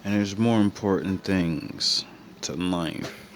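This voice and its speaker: With a low-pitched voice and slow pace, a commentator reflects casually on film villain quotes, musing in a philosophical way and frequently letting thoughts trail off. Clear background noise sits behind him.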